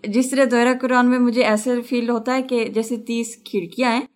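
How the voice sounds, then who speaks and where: A woman's voice: a little high, fairly even intonation. A woman student earnestly telling her class about her own experience, explaining it with a homely comparison. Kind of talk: sharing a personal reflection.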